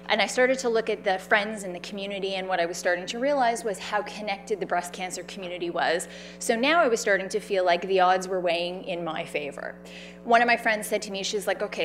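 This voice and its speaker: Telling her personal story at an event, this woman speaks loudly and conversationally, with lively energy, fillers, and quoted dialogue. She performs the voices of the people involved, her pitch sitting in the middle range.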